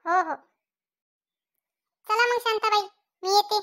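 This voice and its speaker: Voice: very high voice, takes it slowly, bright, forceful tone, heavily acted. A performer voicing a boastful, bossy middle-aged village wife in a cartoon comedy. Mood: sweet-talking. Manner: bossy, showing off. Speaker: Kamalbai, housewife.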